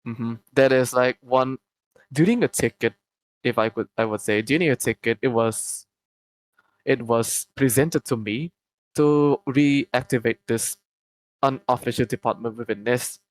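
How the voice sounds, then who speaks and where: A young man from Malaysia, answering interview questions casually with many pauses and restarts. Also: medium pitch, no echo, low-quality recording.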